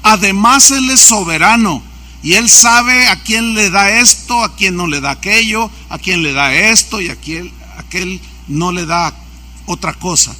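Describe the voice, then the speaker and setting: A male pastor delivers a sermon. His voice is very bright and sits high for a man. He acts out anecdotes and asks the congregation questions. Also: measured pace. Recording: church service recording.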